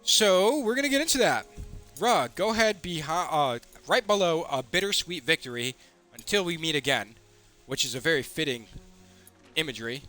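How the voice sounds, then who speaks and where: Bright, fired-up male streamer ranting. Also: fairly high pitch, lively intonation, normal speed, soft background music. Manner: angry, profane, reads messages aloud. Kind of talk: heated livestream rant.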